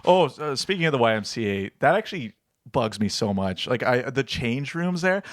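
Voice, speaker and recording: A man's voice: medium pitch, very animated, moderate pace, no echo. Casual man rambling in a dry, close recording. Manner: informal, rambling, peppered with "like". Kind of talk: casual chat, telling childhood anecdotes.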